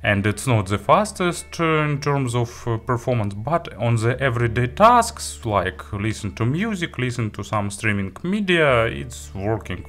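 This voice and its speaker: An audio gear reviewer gives a casual spoken review in a very animated, medium-pitched, fairly bright voice. He speaks haltingly, leaning on frequent filler words.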